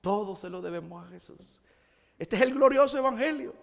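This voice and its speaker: A man preaching a sermon as pastor, moving between hushed storytelling and rising emphatic passages. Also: high-pitched, animated, a little fast, vocal fry, long reverb tail. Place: church sanctuary.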